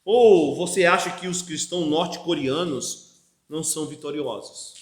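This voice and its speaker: A man's voice: a little high, moderate pace, echoey room. A Brazilian man with a Brazilian Portuguese accent preaching an expository sermon, often asking "amém?" of his listeners. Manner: emphatic preaching with frequent call-and-response "amém?". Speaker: pastor. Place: church hall.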